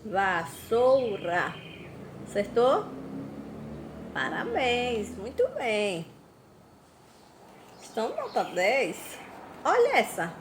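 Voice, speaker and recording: Slow, patient Brazilian woman teaching children. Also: on the high side, wildly swooping pitch, slight background noise. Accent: Brazilian Portuguese. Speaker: primary school teacher. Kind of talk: recorded remote class lesson.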